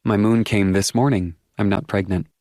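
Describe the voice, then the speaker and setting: A man voicing a sharp-tongued, defiant young woman in an audiobook, dry and sarcastic. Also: on the low side, fairly even intonation, normal speed, dry recording, pitched above the performer's own voice, natural voice. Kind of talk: audiobook character voice.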